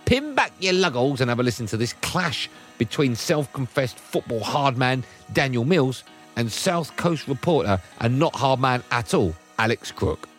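A man's voice: mid-range voice, normal speed. Guy reading the intros, bouncy delivery, music bed behind. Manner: playful, lively intros. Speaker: presenter. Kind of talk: scripted link narration.

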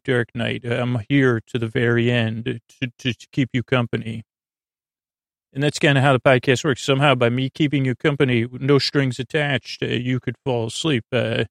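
In a dry, clean studio recording, a male podcast host with a mid-range, gravelly and creaky voice meanders through a sleep-podcast monologue. He stammers and keeps veering into digressions.

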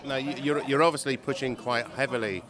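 A man's voice: medium pitch, steady tone, fairly quick. A male podcast host asking chatty interview questions, restarting as he frames them. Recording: crowd chatter around the speaker.

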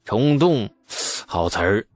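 A man voicing an old, blustery Tang general who teases a young man in a gruff, mocking drawl. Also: lowish voice, very animated, slow, darkish tone, no room sound. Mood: teasing.

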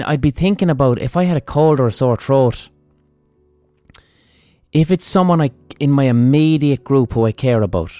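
A podcast host with an Irish accent delivers a blunt, casual monologue, swearing freely and thinking aloud as he goes. His voice is mid-range and warm, with no room sound.

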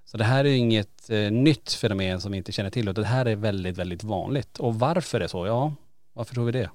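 A man hosting a podcast, telling and reading stories in a casual, animated way with frequent fillers. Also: lowish voice, no echo. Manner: animated storyteller, many fillers. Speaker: podcast host. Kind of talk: casual storytelling chat.

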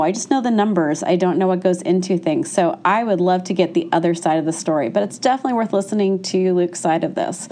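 A woman's voice: mid-range voice, a little mellow. A woman hosting a podcast, chatting casually through a cold, with a congested, stuffy nose and a tired sound. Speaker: podcast host. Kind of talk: casual podcast episode introduction.

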